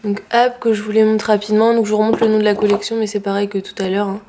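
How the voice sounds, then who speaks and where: A woman's voice: mid-range voice, level tone, racing, dark tone, slight background noise. A woman with a French accent showing her craft purchases in a casual, chatty way with many fillers. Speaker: craft vlogger. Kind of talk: casual haul video.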